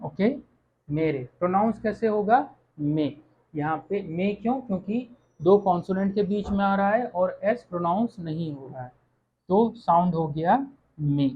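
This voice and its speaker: A French teacher giving an online lesson, speaking slowly and checking in with "okay" after each point. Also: mid-range voice, phone-quality sound, a little hiss or hum. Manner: slow, repeats words, says "okay" often.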